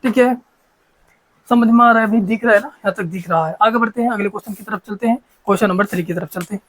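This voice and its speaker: A man's voice: sits high, quick pace, fairly bright tone, rough recording. Coaxing male maths teacher. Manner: repetitive, coaxing, checks understanding often. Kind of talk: chalkboard maths lesson.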